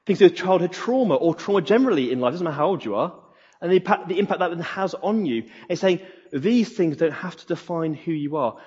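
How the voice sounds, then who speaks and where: A man with a fairly high, slightly rough, somewhat mellow voice preaches an earnest sermon, repeating key phrases for emphasis. The sound is dull and lo-fi, echoing in a reverberant hall.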